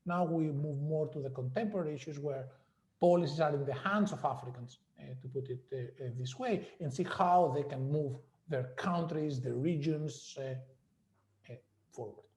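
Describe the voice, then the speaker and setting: A man, an economics professor, explaining his research in a measured interview manner with frequent fillers. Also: a little high, darkish tone, echoey room. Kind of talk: academic interview.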